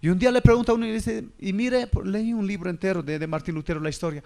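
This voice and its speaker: A male preacher with a noticeably high voice delivers his sermon. He keeps throwing rhetorical questions at the congregation and checks in with a quick "¿ya?" as he goes. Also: steady tone, vocal fry, a little mellow. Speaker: pastor.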